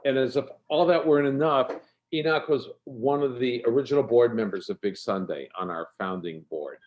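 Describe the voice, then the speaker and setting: On a video call with dull, lo-fi audio, a man introduces a guest speaker by reading a biography in a friendly, hesitant manner. His voice is medium-pitched and moderately paced.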